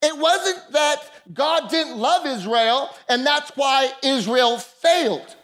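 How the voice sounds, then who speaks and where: A woman's voice: high-pitched, slow pace, a bit bright. A woman pastor preaching a sermon into a pulpit microphone in a church, emphatic and calling for the congregation's responses. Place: church sanctuary.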